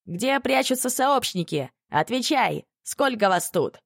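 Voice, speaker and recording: A woman's voice: on the high side, lively intonation, unhurried, creaky, no room sound, studio quality, voice pushed up, full character voice. A woman voicing harsh male police officers in an audiobook, barking out commands. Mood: commanding. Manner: barked commands. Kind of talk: audiobook character reading.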